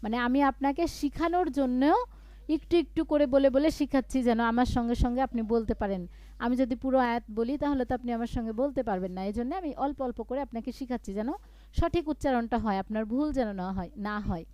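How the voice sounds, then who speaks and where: A woman teaching Quran reading in a live online class. She chants verses slowly and then explains quickly how to pause. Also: fairly high pitch, warm tone, no room sound. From Bangladesh.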